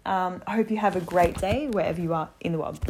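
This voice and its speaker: A woman's voice: on the low side, quick pace, a little mellow, a little hiss or hum. A woman in her twenties talking casually to camera about health, chatty and full of fillers. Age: 20s. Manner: chatty, many fillers and restarts. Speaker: vlogger.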